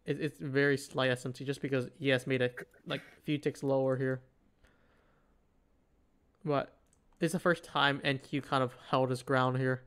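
A man's voice: medium pitch, flat delivery, moderate pace, long pauses, a bit bright, clean tone. A man giving casual live trading commentary, thinking aloud in a hesitant way. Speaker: livestream host, futures trader.

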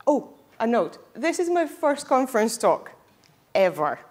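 A woman's voice: fairly high pitch, sing-song, measured pace, a little mellow. A young woman from Bulgaria giving a conference talk on a headset mic in a lecture hall, chatty and casual, with frequent ums and self-deprecating asides. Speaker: conference speaker. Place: lecture hall with projector screen.

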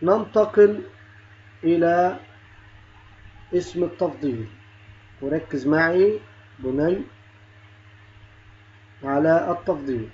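Man, teacher, patient, repeats and sounds out letters, higher voice, muffled lo-fi sound. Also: slow pace, pauses often, a little mellow, slight background noise. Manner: patient, repeats and spells out sounds, praises pupils. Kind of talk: primary-school grammar lesson.

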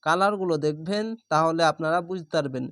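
A man's voice: a little high, fairly bright tone, no room sound. A man teaching Quran reading, patiently spelling out each syllable letter by letter and explaining the rules as he goes. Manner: spells out syllables slowly and methodically.

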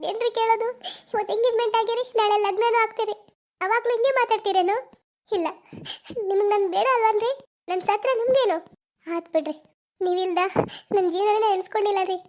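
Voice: steady tone, a little fast, long pauses, darkish tone. A voice actor playing a betrayed young village woman with a North Karnataka Kannada accent in a cartoon, sobbing and pleading. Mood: sobbing accusation. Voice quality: very high, sobbing pleas. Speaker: lover. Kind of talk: cartoon voice acting.

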